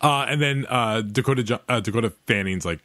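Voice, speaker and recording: A man hosting a podcast, chatting casually and quickly, with lots of "uh"s and laughs. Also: medium pitch, pushed and bright, no room sound. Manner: rapid, filler-heavy, laughs between remarks. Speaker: podcast host.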